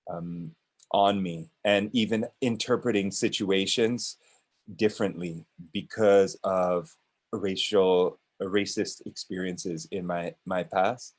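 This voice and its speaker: A man's voice: sits low, fairly even intonation, slow. A man speaking as a business owner and guest on a panel discussion, hesitant and full of restarts. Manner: hesitant, with many restarts and fillers.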